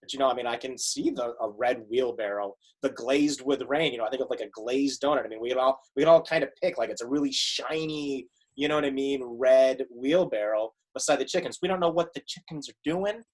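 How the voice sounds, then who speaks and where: A man's voice: medium pitch, a little fast, hardly any pauses. Laid-back man teacher counting syllables. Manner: casual, filler-heavy, relaxed explaining. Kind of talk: classroom lesson.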